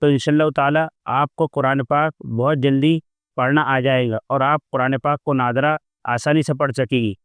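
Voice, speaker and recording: A man teaching a Quran lesson, explaining each word plainly and then reciting it slowly with long drawn-out sounds. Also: medium pitch, steady tone, smooth, no room sound.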